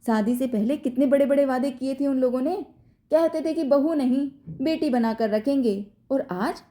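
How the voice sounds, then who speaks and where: A woman's voice: sits high, normal speed, dark tone, pitched above the performer's own voice, lightly acted. A woman doing an indignant worried mother. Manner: anxious, then outraged.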